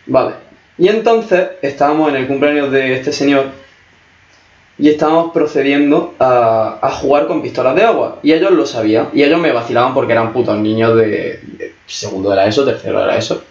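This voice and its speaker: A young man in casual chat, relaxed and joking, swearing often. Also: mid-range voice, fairly quick. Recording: echoey room, dull lo-fi sound.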